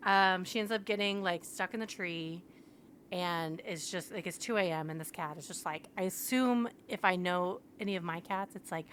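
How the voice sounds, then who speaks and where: A woman's voice: on the low side, moderate pace, a bit bright, a little hiss or hum. A young woman co-hosting a podcast, animatedly retelling a book plot in casual chat, sprinkling in "like" constantly. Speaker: podcast co-host.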